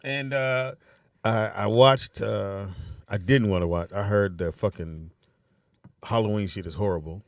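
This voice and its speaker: A man's voice: fairly low pitch, fairly even intonation, measured pace, no echo, distant mic. A man hosting a show with casual, foul-mouthed, joking banter. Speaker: show host.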